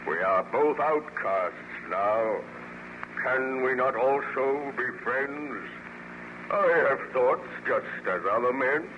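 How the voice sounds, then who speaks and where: Outcast monster, formal and declamatory, slow delivery with dramatic pauses, vintage dull radio sound. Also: male voice, mid-range voice. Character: artificial monster, lonely outcast pleading bitterly for friendship. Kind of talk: 1930s-40s radio serial acting. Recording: noisy muffled old radio recording.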